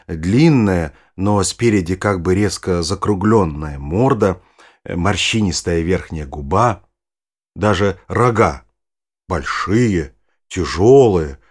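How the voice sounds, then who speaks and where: A deep, husky voice belongs to an actor portraying a wise old naturalist grandfather in an audio play. He explains matters patiently, in a descriptive way.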